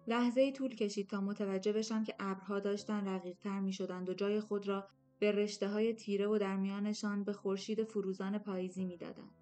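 Female audiobook narrator, steady mid-pitched storytelling, faint music bed. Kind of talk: scripted first-person novel narration.

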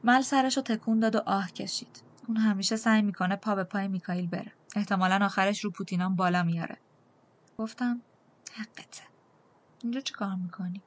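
A woman narrating a novel in the first person, with a calm and measured reading style. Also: medium pitch. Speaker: audiobook narrator.

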